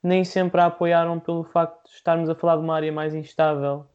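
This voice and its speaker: An interviewer asking formal, measured questions. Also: medium pitch, level tone, clean tone, muffled recording.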